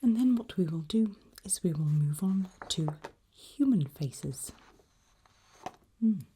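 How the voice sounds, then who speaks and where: Whispering slowly as an examiner in an ASMR roleplay, a woman uses a mid-range, breathy, husky voice with lively intonation. Her manner is gentle, encouraging and reassuring, with a little hiss or hum in the recording.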